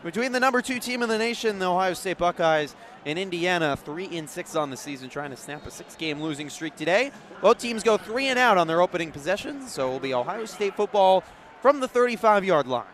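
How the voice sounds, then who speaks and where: Between plays, the high-pitched American commentator stays measured. When the action picks up, his play-by-play climbs into excited calls.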